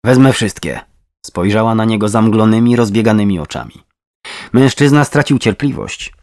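A man's voice: fairly low pitch, moderate pace, darkish tone, no echo, studio quality. A man narrating a true crime story in a tense, dramatic way.

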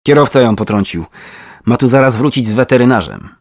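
A man voicing a calm, patient older man who tries to settle a tense situation, in a true crime reading. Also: mid-range voice, fairly quick, no echo, studio quality. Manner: steady, placating.

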